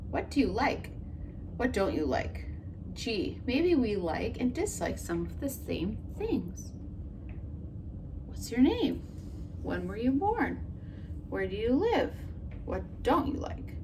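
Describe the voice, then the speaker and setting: A woman teacher reads a picture book to children, her pitch rising and falling in a lively way as she tells the story gently and asks her young listeners questions. She takes it slowly and pauses often, with clear background noise under her voice.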